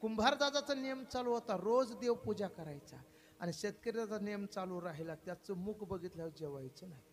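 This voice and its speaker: A man's voice: high voice, a little fast. A man giving a devotional kirtan sermon, telling a story and putting rhetorical questions to his listeners. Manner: animated preaching, asks the crowd rhetorical questions.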